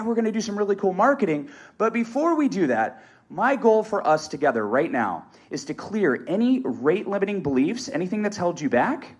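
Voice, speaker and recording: Keynote-style male speaker, highish voice, big swings in pitch, fires up the room. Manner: energetic, rallying the audience. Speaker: motivational speaker and martial arts instructor. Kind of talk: live motivational stage talk. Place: stage at an event venue in a museum. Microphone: stage microphone.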